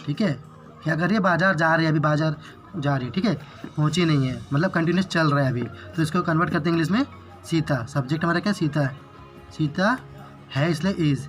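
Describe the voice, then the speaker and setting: A man teaching basic English grammar in Hindi, explaining each example slowly and repeating "ठीक है" after each one. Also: on the high side, faint music behind.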